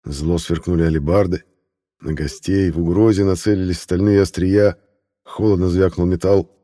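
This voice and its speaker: A man reads a fantasy novel aloud in a low, measured voice. His tone is mellow and dark, and he keeps an even, steady delivery. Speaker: audiobook narrator. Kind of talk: fantasy audiobook narration.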